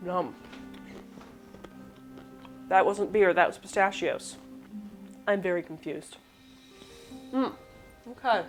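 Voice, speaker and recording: A woman's voice: fairly low pitch, slow pace, pauses often, soft background music. A woman hosting a casual live cooking demo, rambling and self-deprecating while snacking between steps. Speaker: cooking show host.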